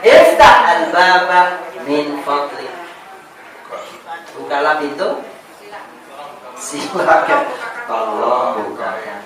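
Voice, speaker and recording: A man's voice: on the high side, sing-song, slow pace, long pauses, crowd noise. A man teaches adult students in a classroom, quizzing them and voicing Arabic words with force. He sounds distant from the microphone in a very echoey room, with the class audible around him. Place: classroom or hall with an audience.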